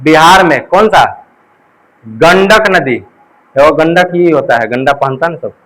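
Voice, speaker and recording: A man's voice: on the high side, animated, unhurried, a bit bright, low-quality recording. A male teacher running an exam coaching class, drilling facts through call-and-response and memory tricks.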